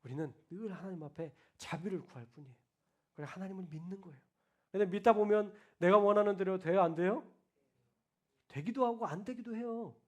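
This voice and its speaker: A male pastor with a high voice preaches a sermon. He moves between forceful, loud declarations and quiet, almost whispered asides. He speaks colloquially, turning often to the congregation. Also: a little fast. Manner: swings between loud emphatic declarations and hushed, soft asides; colloquial, addresses the congregation directly.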